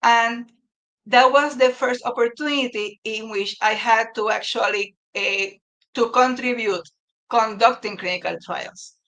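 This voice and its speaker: A man, a physician researcher speaking formally and haltingly as a guest on a webinar interview over a video call. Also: very high-pitched, sharp tone, rough recording. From Puerto Rico.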